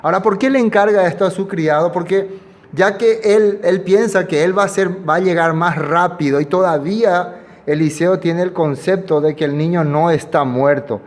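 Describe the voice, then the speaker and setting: A man's voice: high-pitched, moderate pace, in a large hall. A man preaching, talking in a conversational way and asking his listeners questions. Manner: conversational, asks the audience questions. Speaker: pastor. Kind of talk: expository sermon.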